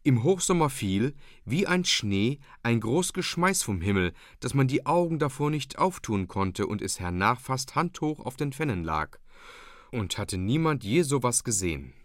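An audiobook narrator reads a classic novella, an old tale, in a measured, even manner with a medium-pitched voice. The recording is dry and close, with no room sound.

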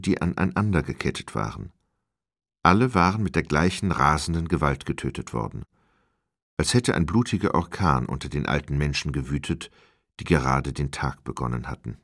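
A man narrating an audiobook of a crime novel in a steady, grave manner, recorded close on a studio mic. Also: rumbling low, no echo. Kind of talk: audiobook reading.

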